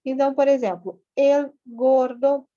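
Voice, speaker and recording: A woman's voice: sits high, fairly even intonation, measured pace, dark tone. A woman, teaching a recorded Spanish grammar lesson and checking in with her students as she explains. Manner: explains patiently, checking with "certo?" and "sim?"; switches between Portuguese and Spanish explanations. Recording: dull lo-fi home recording.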